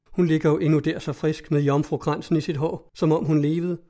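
A man voicing a calm monk who speaks plainly to his brother. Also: fairly high pitch, natural voice.

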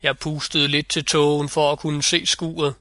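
A man's voice: on the high side, little pitch movement, bright, forceful tone, no echo. A man voicing the boastful male North Wind in a fairy-tale audiobook reading. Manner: boastful, vivid storytelling.

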